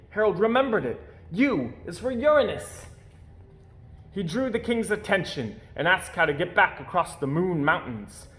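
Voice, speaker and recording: A high-pitched man reads a children's picture book aloud, storytelling expressively and putting theatrical weight on key words.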